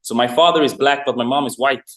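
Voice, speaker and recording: A young man from Sweden, guest on an online interview, talks in an easy, meandering way, full of fillers and quick laughs. His voice sits at an ordinary pitch. It carries a noticeable room echo around it. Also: fairly bright tone. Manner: loose, rambling, upbeat, with many "like" fillers and laughs. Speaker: guest, online marketer for dancers. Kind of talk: casual interview chat. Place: remote call from abroad. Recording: roomy echo.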